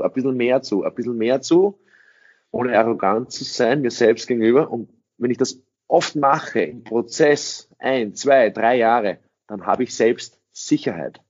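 Speaking at medium pitch with a darkish, slightly rough tone, this middle-aged man answers interview questions in English as a sales trainer. His delivery is emphatic, full of repeated phrases and rhetorical questions, captured on a dull lo-fi recording.

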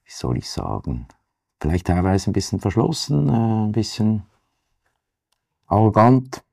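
A man's voice: lowish voice, big pitch swings, a little slow, creaky, darkish tone, dry recording, studio quality. A middle-aged man from Zurich with a Swiss German accent, a vegetarian restaurant owner in a panel discussion who keeps tagging his sentences with "oder?". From Zurich, Switzerland.

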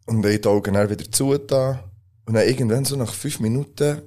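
A man with a Swiss German accent co-hosting a podcast, telling a story in a relaxed, laughing way. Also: medium pitch, fairly quick. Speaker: podcast co-host. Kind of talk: casual chat, storytelling.

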